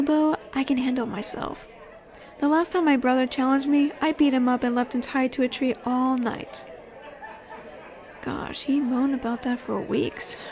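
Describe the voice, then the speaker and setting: Against faint bar chatter, a woman voices a self-assured werewolf alpha in an audio drama roleplay, flirting and keen to take charge. Her very high voice has a darkish tone, and she teases the listener in an unhurried, sultry way, stretching out her pauses. The mood is cocky and challenging, full of dominant confidence.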